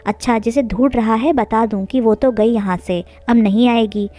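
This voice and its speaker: A woman voicing a calm, knowing old grandmother who speaks gently and teasingly. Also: a little high, moderate pace, no room sound, lightly acted.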